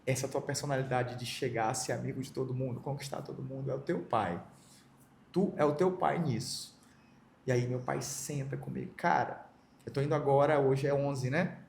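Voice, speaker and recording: A middle-aged man from Brazil recounts a deeply personal reunion as an interview guest. He tells it vividly, slipping into the voices of the people he quotes. His mid-range voice echoes in the room, over a faint background hiss. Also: steady tone, moderate pace, vocal fry, a little mellow. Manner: emotional, vivid storyteller acting out quoted dialogue. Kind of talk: personal storytelling in a podcast interview.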